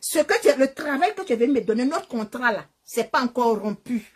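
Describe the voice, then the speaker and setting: A woman with a high voice speaks into her phone camera during a livestream. She rants angrily at a rival, taunting her and throwing insults in a confrontational tone. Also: expressive, a little fast, darkish tone, breathy edge. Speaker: social media live streamer. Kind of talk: angry insult-filled rant to a phone. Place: living in Canada.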